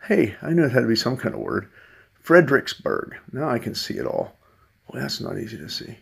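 A man with a gravelly, husky voice mutters dry, sarcastic remarks as he works through scratch tickets. His talk is loose and unhurried, half to himself and half to his viewers. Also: medium pitch, wildly swooping pitch. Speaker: channel host. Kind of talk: casual running commentary while scratching lottery tickets.

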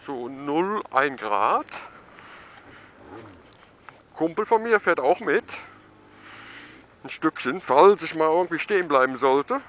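A middle-aged man giving casual, excited running commentary while riding a motorcycle through town. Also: on the high side, lo-fi sound, slight background noise. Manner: chatty and excited, thinking aloud. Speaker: motovlogger. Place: outdoors on a motorcycle in town traffic.

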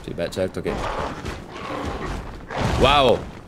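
A man hosting a let's-play, excitedly commenting on his game and chatting to viewers. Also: low-pitched, very slow, heavy background noise. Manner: excitable, exclaims often, talks to viewers. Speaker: gaming channel host.

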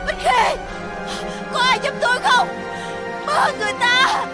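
Frantic mom screaming for her kid, very high shrill voice. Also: a little slow, sharp tone, soft background music, heavily acted. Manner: shrill, calling out desperately. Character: frantic mother screaming for her hurt son. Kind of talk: TV folk-tale drama acting.

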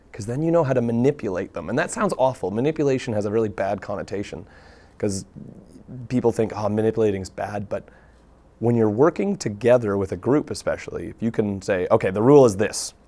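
Gravelly guy on a local tv chat show, eager storyteller, keeps restarting his sentences. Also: lowish voice. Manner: earnest, animated storytelling with frequent restarts. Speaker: guest, local theatre artist. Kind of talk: casual interview talk. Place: TV studio.

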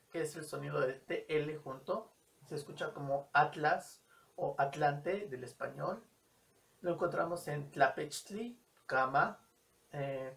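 A man's voice: a little high, gravelly, recorded from a distance. A man teaching a language lesson, carefully repeating example words to show how they sound. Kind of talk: slow spoken language lesson.

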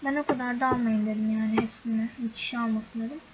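A woman's voice: on the high side, steady tone, fast talker. A young woman chatting casually to her viewers over a game screen recording, often exasperated. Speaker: gaming YouTuber. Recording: dull lo-fi recording with loud background noise.

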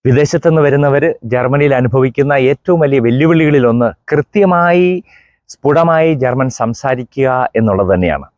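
A middle-aged priest from Kerala giving a German pronunciation lesson, spelling out contrasting sounds and repeating examples slowly. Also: male voice, mid-range voice, animated, a little mellow, no room sound. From Kerala, India. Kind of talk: explanatory language lesson.

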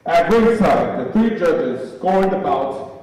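Man high-voiced ring announcer, drawn-out. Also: expressive, a little mellow. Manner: drawn-out showman delivery, switching between English and Spanish. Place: indoor boxing arena. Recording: echoey arena from far off. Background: crowd noise.

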